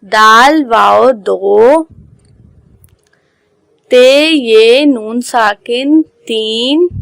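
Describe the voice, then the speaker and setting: A woman school teacher giving an online class, spelling out words slowly letter by letter. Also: fairly high pitch, creaky, fairly bright tone, no room sound, rough recording. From Pakistan. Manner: slow, careful letter-by-letter dictation.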